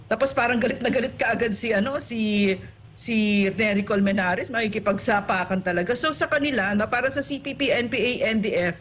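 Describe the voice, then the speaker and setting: A woman's voice: a little high, fairly quick, fairly bright tone, slight background noise. A woman political commentator in an online interview, talking indignantly and firing off rhetorical tag questions.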